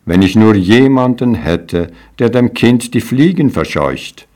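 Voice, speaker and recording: A man's voice: lowish voice, lively intonation, a little slow, a little mellow, voice pushed up. A man voicing a weary young mother in a storybook reading, speaking in a sighing, wistful way.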